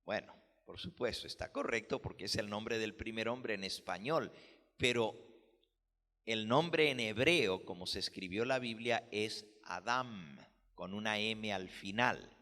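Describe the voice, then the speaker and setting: A man preaching a sermon as pastor, teaching slowly and deliberately, explaining words with care. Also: fairly low pitch, bright, forceful tone, in a large hall. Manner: slow, deliberate teaching with careful word explanations.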